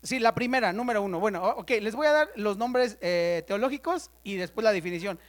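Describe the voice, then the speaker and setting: A woman teaching a church Bible study class, chatty and playful, constantly checking in with her students and spelling out terms slowly for the ones taking notes. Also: medium pitch, animated. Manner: conversational, checks in with the class often.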